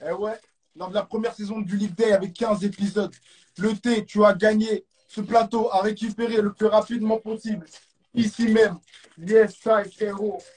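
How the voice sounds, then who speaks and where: His voice sits high yet has a darkish, breathy quality as this French-accented man hosts a live streamed quiz. He's hyped, cycling through catchphrases and English exclamations, heard via a phone or webcam microphone.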